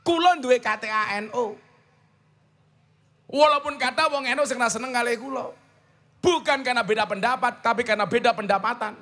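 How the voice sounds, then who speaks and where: A man's voice: very high-pitched, pushed and bright. A middle-aged man with a Javanese accent preaching a sermon at a religious gathering, emphatic and full of rhetorical questions.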